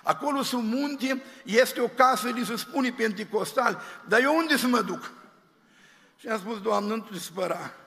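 A man's voice: extremely high pitch, pushed and bright, big-room sound. A man preaching a sermon in the form of a testimony, telling a story and quoting its people in his own voice.

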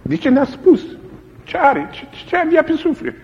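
A man's voice: very high-pitched, wildly swooping pitch. A man preaching a sermon in a dramatic way, repeating key phrases for emphasis. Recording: echoey hall, dull lo-fi old recording.

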